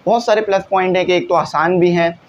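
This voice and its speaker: Male teacher, high register, patient classroom explainer. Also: fairly even intonation, quick pace, muffled recording, a little hiss or hum. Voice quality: glasses wearer. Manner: explains patiently, often checks in with "theek hai". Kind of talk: classroom lesson solving exam questions.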